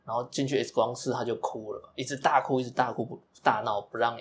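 A man's voice: mid-range voice, fairly even intonation, quick pace, a little hiss or hum. A man, a father and podcast co-host, telling long stories in casual chat and acting out the lines of the people in them. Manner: long storytelling with many quoted lines.

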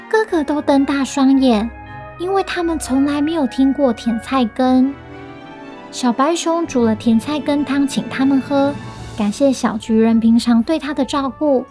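High-pitched Taiwanese woman reading to a toddler. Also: a little mellow. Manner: reading to a toddler, addressing little listeners directly. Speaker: children's story podcast host. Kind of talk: storytelling to young children.

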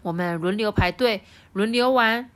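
A woman voicing a calm, thoughtful young male cat in a storybook reading, gentle and reasoning. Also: mid-range voice, normal speed, close to an everyday voice.

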